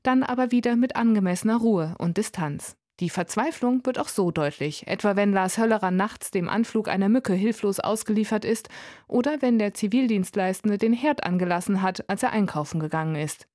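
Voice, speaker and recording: A woman reading a scripted radio book review in a calm, measured way. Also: mid-range voice, no room sound, clean studio sound. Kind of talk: scripted narration.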